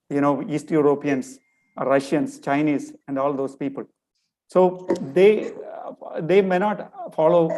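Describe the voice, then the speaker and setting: Answering a question during a webinar over a video call, this Indian guest lecturer speaks earnestly and often repeats his key phrases. He has a Tamil English accent with a slight Malayalam influence, and his voice is fairly high with a darkish tone.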